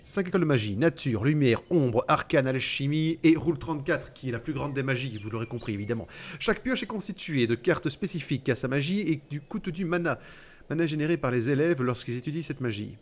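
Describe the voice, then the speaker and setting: A man's voice: mid-range voice, expressive, a little fast. Sarcastic man commentating a video game. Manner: sarcastic and joking, swears, reads game text aloud with mocking asides. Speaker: let's play host. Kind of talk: casual gaming commentary.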